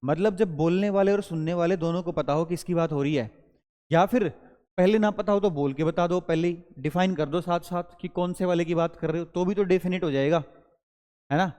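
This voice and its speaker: A man's voice: sits high, a little fast, a little mellow, in a large hall. A male teacher giving a grammar lesson that mixes Hindi and English, explaining step by step and quizzing his students as he goes.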